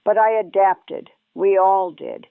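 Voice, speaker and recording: This old recording, tinny and dry with no echo, sounds like archival radio. A gravelly woman at medium pitch, a former war nurse, relates her memories in first person, keeping a steady tone and speaking somberly in short, measured clauses.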